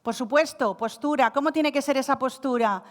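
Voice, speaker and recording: A woman from giving a lively live coaching talk, asking her audience questions and telling them what to do. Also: high voice, moderate pace. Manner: lively, asks the audience questions and gives instructions. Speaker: coaching speaker. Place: hall with audience. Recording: reverberant hall.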